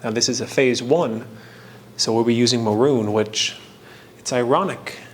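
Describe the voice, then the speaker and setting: Clear ambient noise surrounds a man hosting a hobby craft video. He walks through the process in a mid-pitched voice, using short, stop-start phrases broken up by jokes and fun facts.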